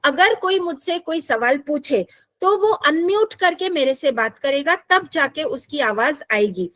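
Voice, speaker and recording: On a computer mic during an online English class, a woman explains a lesson patiently, step by step, mixing Hindi and English and checking in with her students. Her voice is high-pitched, with no room sound.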